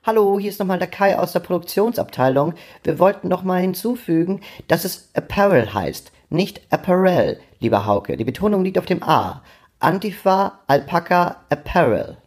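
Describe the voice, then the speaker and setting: A man putting on a fussy high-voiced studio producer. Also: lively intonation, brisk, hardly any pauses, darkish tone. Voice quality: pedantic, correcting pronunciation. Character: male producer calling in by phone.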